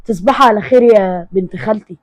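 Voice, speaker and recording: A woman's voice: medium pitch, quick pace, dry recording, pitched below the performer's own voice, lightly acted. Woman doing a proud young man, Egyptian accent, firm and commanding, dry. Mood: stern. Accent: Egyptian Arabic. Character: stern proud young man, the love interest.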